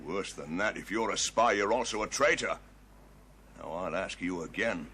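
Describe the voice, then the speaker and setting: Deep-voiced stern army sergeant. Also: male voice, animated, moderate pace, bright, forceful tone, slight background noise, full character voice. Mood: stern questioning. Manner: blunt, authoritative, interrogating. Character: stern, commanding middle-aged army sergeant, a father. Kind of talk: television period drama acting.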